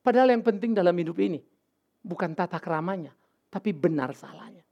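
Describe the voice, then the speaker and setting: A male pastor preaching a sermon in a casual, animated way, with sudden loud outbursts and English words mixed in. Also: sits high, brisk, vocal fry. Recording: dull lo-fi sermon recording.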